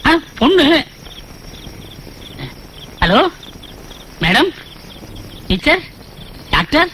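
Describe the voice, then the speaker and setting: A man's voice: very high-pitched, sing-song, drawn-out words, bright, forceful tone, slight background noise, heavily acted. An actor playing a flustered middle-aged village father who blurts startled grunts in a film comedy. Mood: bumbling. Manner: bumbling, with frequent startled "aa?" grunts. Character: fussy, flustered, smitten widowed village father. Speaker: father of a grown daughter. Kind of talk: Tamil film comedy dialogue.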